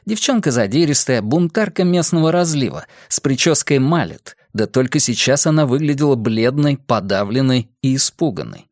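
A man narrating an audiobook with expressive storytelling. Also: medium pitch, normal speed, hardly any pauses, dry recording, clean studio sound. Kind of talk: scripted narration.

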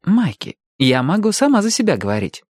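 A woman's voice: huge pitch swings, brisk, darkish tone, no room sound, clean studio sound. A man voicing a spirited, outspoken young ghost girl in an audiobook, with his voice lifted well above his own. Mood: insistent. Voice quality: raised, girlish pitch.

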